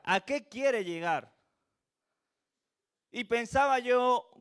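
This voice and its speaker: Earnestly repeating himself and posing rhetorical questions, a man delivers a church sermon in a high, smooth, fairly bright voice. He's from Venezuela, with a Venezuelan accent slightly tinged by Chilean.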